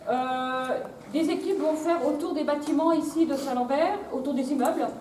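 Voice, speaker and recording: A woman's voice: sits high, normal speed. A woman giving an informal, hesitant, improvised briefing to a group of volunteers as their organiser. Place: large echoey room with volunteers. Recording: echoey, noisy room from far off.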